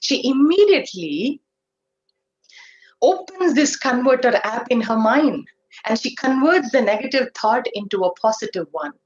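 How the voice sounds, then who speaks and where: A woman with an Indian English accent giving a spiritual talk, explaining slowly with everyday examples and asking the audience questions. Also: a little high, animated, highs cut off. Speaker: spiritual teacher.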